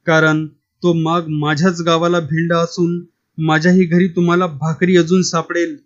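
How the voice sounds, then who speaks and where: A bold, indignant village official, voiced by a man in a storybook reading, pressing his case with force. His voice sits high. The recording is dull and lo-fi. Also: level tone, moderate pace, close to an everyday voice. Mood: defiant. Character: defiant middle-aged male village official.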